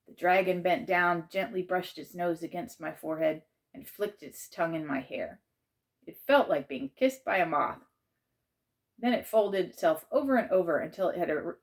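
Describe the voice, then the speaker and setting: Reading a children's chapter book in the manner of a teacher with her class, a woman narrates in the first person in a slightly low voice.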